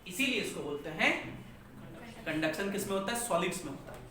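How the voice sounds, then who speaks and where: A man teaching physics lectures in an expressive, high-pitched voice that sounds pushed and bright, moving at a fairly quick clip. He asks questions and keeps returning to key terms, recorded distantly in a large echoey classroom with slight noise.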